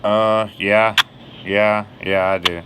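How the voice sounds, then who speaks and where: A man's voice: fairly low pitch, little pitch movement, takes it slowly, very noisy. A man chatting casually on a phone call, rambling and answering evasively as he plays along. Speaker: prank caller baiting telemarketers.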